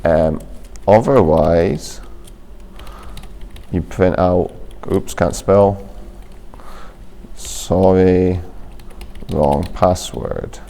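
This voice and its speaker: A man's voice: low voice, animated, extremely slow, gravelly, long pauses, dark tone. A man teaching a coding lesson over a screen recording, explaining step by step in a plain, patient way.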